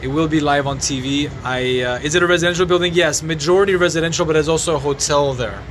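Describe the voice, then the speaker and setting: Reporting a fire live from his phone, a man stands outdoors in a city compound at night and responds to viewers' questions. His voice is on the high side and fairly bright, but his delivery is sombre and halting, full of restarts, over a noisy phone-mic stream.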